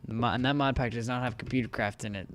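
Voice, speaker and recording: A young man hosts a gaming channel from a home room where a fan is running, speaking fast in a medium-pitched, steady voice into a desktop mic. His gameplay commentary is chatty and rambling, and he often corrects himself mid-sentence. Faint fan noise can be heard.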